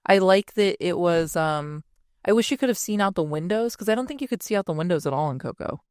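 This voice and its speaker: A woman's voice: lowish voice, animated, fast talker, a little mellow, smooth, no room sound. Chatty woman co-host, dry sound. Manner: chatty, peppered with "like". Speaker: podcast co-host. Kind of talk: casual chat.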